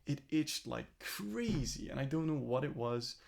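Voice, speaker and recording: A man's voice: mid-range voice, animated, measured pace, creaky, darkish tone. A young man talking through his plans in a casual, earnest vlog, rambling and correcting himself as he goes. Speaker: vlogger. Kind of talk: casual self-reflective vlog.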